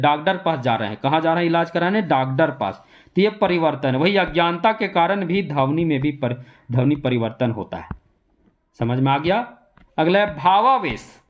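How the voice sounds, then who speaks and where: Male coaching-class teacher with a Jharkhand accent and a slightly raised pitch. Explanatory, repetitive delivery. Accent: Jharkhand Hindi. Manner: repetitive, asks rhetorical questions, then answers them. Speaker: Hindi exam coaching teacher.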